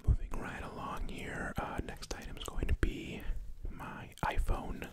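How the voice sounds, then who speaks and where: An ASMR creator whispering softly into a close microphone, repeating soothing phrases. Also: measured pace.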